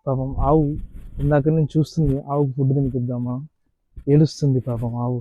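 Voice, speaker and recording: A man's voice: medium pitch, steady tone, brisk, mellow, dull audio. A man vlogging casually at an outdoor animal park, chatting playfully to the animals. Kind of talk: casual vlog narration.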